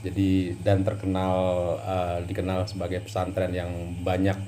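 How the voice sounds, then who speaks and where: A male podcast host in a casual interview, agreeable and full of short affirmations and fillers as he builds his questions. His voice is low and warm, with a dark, mellow tone. Faint ambience sits behind him. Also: completely flat delivery, moderate pace, slight background noise.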